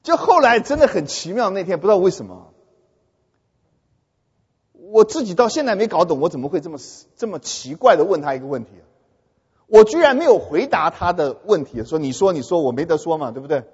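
A man preaching a sermon in a lively storytelling way, with a high, somewhat husky voice. He keeps turning to his listeners with questions. The dull, lo-fi audio carries a long hall reverb. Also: a little fast. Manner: animated storytelling with questions to the audience. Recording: echoey hall, dull lo-fi sound.

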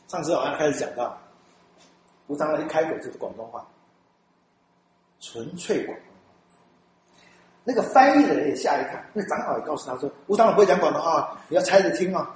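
A man from Taiwan speaking Mandarin with a Taiwanese accent, a church elder telling stories in a lively way, often laughing and mimicking people. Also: on the high side. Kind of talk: storytelling talk. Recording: very echoey room with faint noise.

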